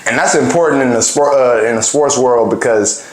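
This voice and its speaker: A man's voice: medium pitch, moderate pace, echoey room, rough recording. A man from Milwaukee hosting a casual podcast interview, laid-back and full of "you know what I'm saying.". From Milwaukee, Wisconsin. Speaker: podcast host.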